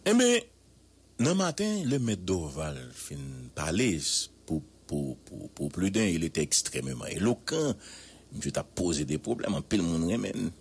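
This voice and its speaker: A Haitian-accented man delivering news commentary on air. His husky, lowish voice swings widely in pitch, and he leans on drawn-out repetitions and rhetorical questions. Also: sing-song, a little mellow.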